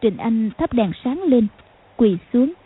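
A woman's voice: a little high, lively intonation, takes it slowly, slightly rough. Woman reading an audiobook, tinny sound. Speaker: audiobook narrator. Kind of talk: scripted audiobook narration.

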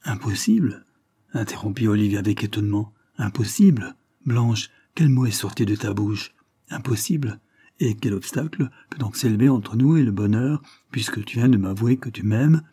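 A man's voice: lowish voice, expressive, normal speed, dark tone, breathy edge. A man reading aloud, voicing an ardent young general who speaks with urgent passion. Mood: incredulous. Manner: urgent, impassioned, commanding.

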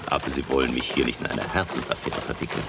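An actor playing a brusque, courtly, eccentric professor in a German radio play, with a gravelly, precise delivery. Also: male voice, a bass voice, fast talker, heavy background noise. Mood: brisk inquiry.

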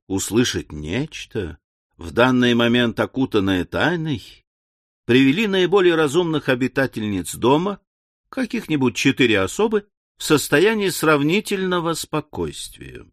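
Male audiobook narrator, expressive storytelling, mid pitch, dry close-miked sound. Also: dry recording. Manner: expressive, lifting his voice for quoted shrieks. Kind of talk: scripted literary narration.

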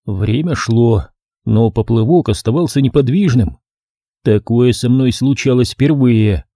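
A man's voice: medium pitch, a little slow, dark tone, no room sound, studio quality. A man reading a story aloud in a wry first-person narration. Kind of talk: audiobook reading.

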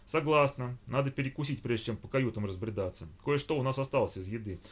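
A man's voice: mid-range voice, fast, lightly acted. A man reading a storybook, voicing a teasing, bossy young woman who mocks the others. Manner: mocking, bossy.

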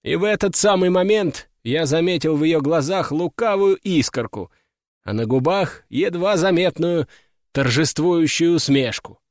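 A man reading a first-person fantasy audiobook in a wry, even storytelling manner. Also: fairly high pitch, measured pace, no room sound, clean studio sound. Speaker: audiobook narrator.

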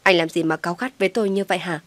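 A woman doing a hospital nurse, plain-spoken and blunt, in a low voice. She states things flatly, and the sound is close and dry. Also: racing, dry recording, close to an everyday voice. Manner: blunt, matter-of-fact.

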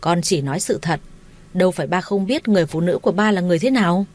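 Brief: woman narrator doing a stern, commanding father, low voice, story reading. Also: quick pace, darkish tone, natural voice. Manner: stern, scolding.

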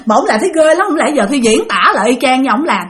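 A woman's voice: high voice, animated, rapid-fire, noisy background. A woman casually telling a spooky first-person story, referring to herself in the third person and speaking directly to her listeners.

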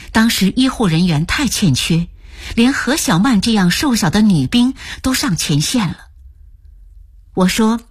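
Woman, audiobook narration, breathy, very dry sound. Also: mid-range voice, dry recording. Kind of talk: scripted novel narration.

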